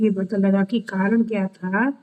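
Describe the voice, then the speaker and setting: An older woman telling a story in a devotional session, animated and acting out conversations, speaking over a video call. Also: mid-range voice, unhurried, lo-fi sound. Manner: animated, acts out dialogue with children. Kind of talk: storytelling talk.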